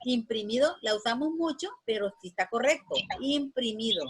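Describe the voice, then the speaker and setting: Woman teacher, higher voice, patient and repetitive grammar lesson. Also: lively intonation, slightly rough, rough recording. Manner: patient, repeats words slowly for students.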